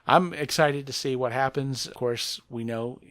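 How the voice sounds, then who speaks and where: A man's voice: medium pitch, moderate pace, fairly bright tone, dry recording. A man co-hosting a podcast, chatting enthusiastically and rambling about geek news. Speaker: podcast co-host.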